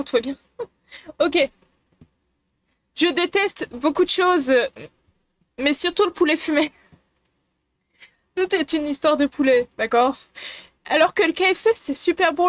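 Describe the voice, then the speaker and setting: A woman's voice: sits high, no echo. A woman streamer chatting casually and playfully with her viewers, giggling and teasing the chat.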